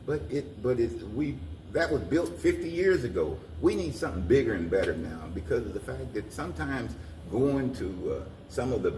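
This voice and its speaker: An older man in his 60s or beyond, a community leader appearing as a guest on an informal talk-show interview, speaks in an animated mid-range voice. His folksy delivery is halting, and he often repeats and restarts phrases. The recording sounds distant and echoey, with a roomy echo, a faraway mic and faint noise.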